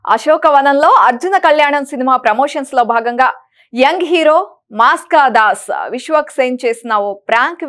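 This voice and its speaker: A woman presenting entertainment news, reading a script in a brisk, even manner. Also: sits high.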